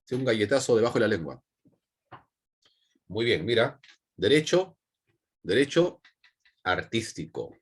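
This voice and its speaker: A man's voice: fairly low pitch, very animated, unhurried, long pauses, husky. A man with a Peruvian Spanish accent, giving an online psychology lecture, repeating points and checking in with "¿no?" and "¿ya?". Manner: repetitive, asks for checks with "¿no?" and "¿ya?". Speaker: psychology teacher.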